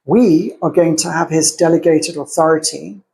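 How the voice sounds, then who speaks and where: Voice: medium pitch, steady tone, moderate pace, vocal fry, a little mellow, a little hiss or hum, rough recording. A podcast co-host in a casual theological discussion, thinking aloud in a discursive way and acting out opposing arguments.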